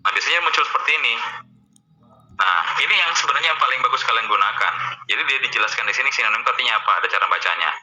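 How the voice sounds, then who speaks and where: A man's voice: mid-range voice, expressive, rapid-fire, sharp tone. A man giving a casual online lecture to students, chatty, with many fillers, over dull lo-fi call audio. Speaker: university lecturer. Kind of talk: online lecture with screen sharing.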